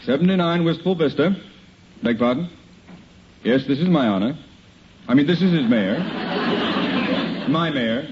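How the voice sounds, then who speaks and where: Exasperated american mayor, dry sarcasm, official air, old muffled 1950s radio comedy with hiss. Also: male voice, a little high, animated, unhurried, pauses often. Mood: officious.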